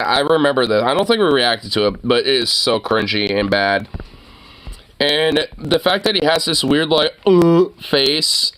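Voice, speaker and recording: Bright-voiced man swearing through a reaction. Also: mid-range voice. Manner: profane, laughing, rambling with many fillers. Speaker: streamer reacting to a video. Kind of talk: casual reaction commentary.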